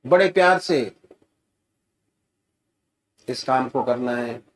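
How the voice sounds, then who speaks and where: A man leads a guided meditation as a spiritual teacher. He speaks very slowly, with unhurried pauses, in a soothing, gentle manner. His voice sits at an ordinary middle pitch and now and then rises for emphasis. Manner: slow, gentle, soothing guidance with rising emphasis.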